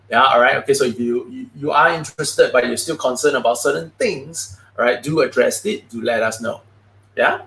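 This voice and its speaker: A man hosting a live investing stream, chatty and quick, filling his talk with "okay" and "all right". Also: mid-range voice, creaky, fairly bright tone. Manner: chatty, many "okay, all right" fillers, fast talking. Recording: roomy echo.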